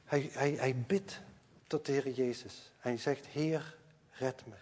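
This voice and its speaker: Older male preacher, husky voice, earnest and repetitive, long hall reverb. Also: mid-range voice, fairly even intonation, takes it slowly. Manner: earnest, repeats key phrases, swings between loud stresses and quiet asides. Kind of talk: sermon.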